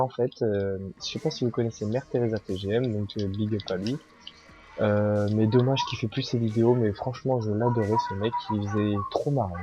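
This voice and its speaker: Hesitant young man introducing his gaming channel. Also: on the low side. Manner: hesitant, many fillers and restarts. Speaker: gaming YouTuber. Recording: dull lo-fi sound with faint music.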